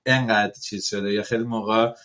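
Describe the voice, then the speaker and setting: A podcast host, talking casually and thoughtfully, pausing often with fillers and dropping in English words. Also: male voice, fairly low pitch, fairly even intonation, a bit bright. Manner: thoughtful, rambling with many fillers and English loanwords.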